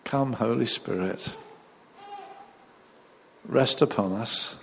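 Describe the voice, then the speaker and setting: A man, a pastor at a pulpit microphone, reading scripture, praying and preaching in a measured, deliberate way. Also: mid-range voice, vocal fry, slight background noise. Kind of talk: sermon with scripture reading and prayer. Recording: long reverb of a large hall.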